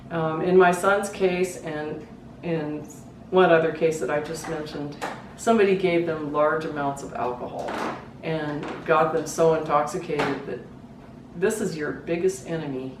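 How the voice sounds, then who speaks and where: A middle-aged woman giving a halting personal account as a grieving mother, recorded in her living room. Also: deep voice, a little mellow. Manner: earnest, halting, voice rising and breaking when distressed. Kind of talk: emotional personal testimony. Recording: roomy, distant mic, faint background hiss.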